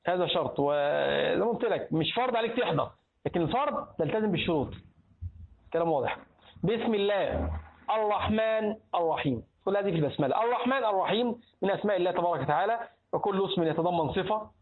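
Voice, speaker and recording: Egyptian male religious teacher, high voice, quizzes students through the lesson; tinny, phone-like recording. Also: expressive, fast. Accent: Egyptian Arabic. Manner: questioning students, prompting answers. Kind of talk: classroom lesson on creed.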